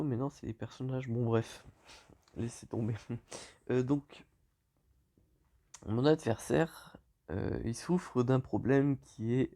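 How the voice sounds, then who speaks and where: Relaxed French man with a gravelly voice. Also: medium pitch. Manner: relaxed, lots of hesitations and self-corrections. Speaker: gaming YouTuber. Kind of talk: casual game commentary over screen.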